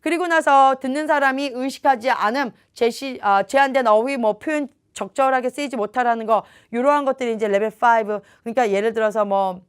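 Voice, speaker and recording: High-voiced Korean woman lecturing. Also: brisk, hardly any pauses, clear, resonant tone. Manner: explanatory, emphatic, repeats key points. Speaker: English test prep instructor.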